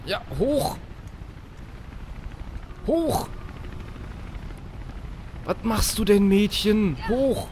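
A man's voice: high voice, animated, slow, few pauses, slight background noise. Yelping, swearing gamer guy. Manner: yelps, swears and shouts orders at the game character. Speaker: let's play host. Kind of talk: excited gameplay commentary.

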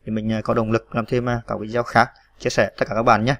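A man's voice: fairly low pitch, little pitch movement, brisk, dry recording. A man narrating a screen-recorded typing tutorial, patiently spelling out letters one by one with many fillers.

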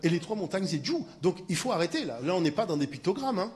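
Man, conference lecturer, emphatic, fairly high voice, checks listeners follow. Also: sing-song, quick pace, a little mellow. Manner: emphatic, repeats "voyez" to engage listeners. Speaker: speaker at a conference. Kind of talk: lecture with audience discussion.

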